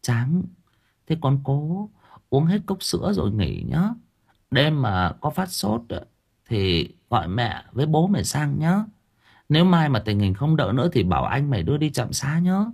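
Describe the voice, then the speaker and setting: A man's voice: medium pitch, very animated, moderate pace, creaky, husky, pitched above the performer's own voice, heavily acted. A man playing a fussing old grandmother. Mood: caring. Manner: soft, coaxing and fussing. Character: doting old village grandmother.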